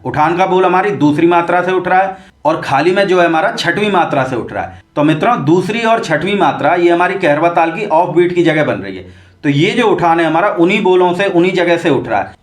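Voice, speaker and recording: A man's voice: on the high side, reverberant. A man teaching tabla, patiently explaining step by step and addressing viewers as friends. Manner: recites tabla syllables and counts beats aloud. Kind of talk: spoken music lesson. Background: tabla drumming.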